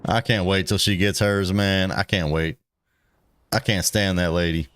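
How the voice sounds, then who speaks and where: A man's voice: sits low, fairly even intonation, measured pace, a bit bright, clean tone. A man giving casual live gameplay commentary as a streamer, slangy and given to repeating his phrases. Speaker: game streamer.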